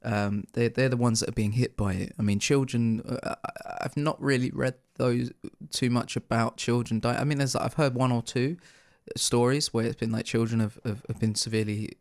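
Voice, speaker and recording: A man's voice: mid-range voice, steady tone, moderate pace, hardly any pauses, a little mellow, no echo, studio quality. A man co-hosting a podcast in casual chat, hesitant with lots of fillers and a sarcastic edge. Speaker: podcast co-host.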